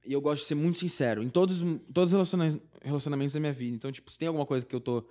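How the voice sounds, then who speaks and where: A man's voice: on the high side, rapid-fire. A young Brazilian man, a singer-songwriter guest, telling a personal story in casual chat, acting out the dialogue with many fillers. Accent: Brazilian Portuguese. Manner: animated, acts out quoted dialogue; frequent fillers like "tipo" and "não sei o quê".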